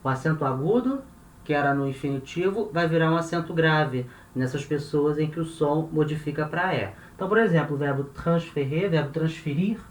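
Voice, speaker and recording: Brazilian guy teaching a lesson, patient, goes over every example twice, bit high voice, echoey room with faint hiss. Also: a little fast. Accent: Brazilian Portuguese. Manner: patient, repeats and spells out each form. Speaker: language teacher. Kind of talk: explaining French grammar in Portuguese.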